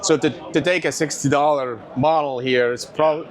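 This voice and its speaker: A man from Tunisia, telling stories as an animated guest in a casual interview. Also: fairly high pitch, brisk. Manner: animated, rambling storyteller. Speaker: whiskey company owner, guest.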